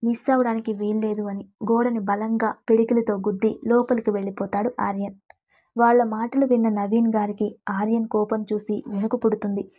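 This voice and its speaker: A woman narrating a romance story in a steady, even reading. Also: mid-range voice, brisk. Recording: dull lo-fi recording.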